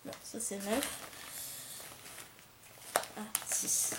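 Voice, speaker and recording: A woman vlogger chatting casually as she unboxes a gift, full of fillers, restarts and delighted exclamations. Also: very slow. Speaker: book vlogger. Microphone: camcorder. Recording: echoey room with faint noise.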